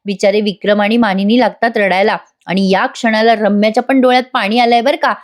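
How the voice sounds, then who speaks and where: A woman's voice: medium pitch, steady tone, fairly quick. A woman chatting through a voice-over episode review of a TV serial, talking straight to the viewers. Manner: chatty, addresses viewers directly.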